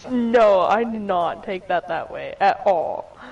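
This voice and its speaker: A woman's voice: mid-range voice, expressive, takes it slowly, creaky, darkish tone, far from the mic, highs cut off. A woman chatting while gaming, goofy and giggly, saying dude a lot. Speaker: gaming partner. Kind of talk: casual gaming chat.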